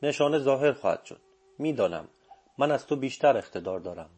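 A man's voice: medium pitch, animated, a little mellow, slightly rough. A man reading the lines of a teasing, commanding old male sorcerer in an audiobook, firm and full of authority.

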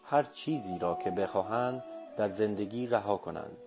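A man reading an audiobook voices a calm, assured old male sage who speaks in firm, confident pronouncements. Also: on the low side, over music, close to an everyday voice.

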